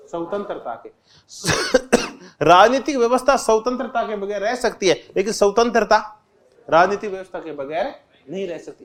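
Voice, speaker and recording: Man teaching, quizzing his class aloud. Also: high voice. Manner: asks the class questions and answers them himself; explains by repeating key terms with simple examples. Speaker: political science teacher. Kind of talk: exam-prep classroom lecture.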